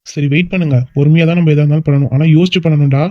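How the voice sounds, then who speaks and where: A woman's voice: sits low, steady tone, racing, dry recording, close to an everyday voice. A woman voicing a young man who schemes with his friend in an amateur cartoon. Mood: scheming. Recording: dull lo-fi recording.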